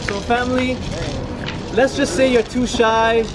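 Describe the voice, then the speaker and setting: A Malaysian tour guide in his twenties leads a group around an outdoor cultural park with food trucks, joking playfully and calling everyone "family." His voice is very high-pitched with fairly even intonation and a slightly slow pace, heard over a noisy crowd. A camera a few steps away captures the guided tour talk.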